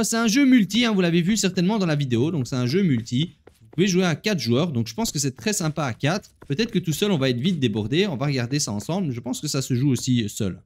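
A man hosting a gaming video, chatting casually to viewers as he plays and laughing at himself. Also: on the high side. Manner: chatty, talks straight to viewers while playing. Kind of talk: casual gameplay commentary.

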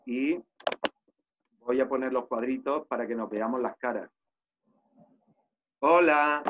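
Over a video call with muffled audio and slight background noise, a man teaches an online storytelling class. His mid-range voice tells a story theatrically, posing rhetorical questions along the way.

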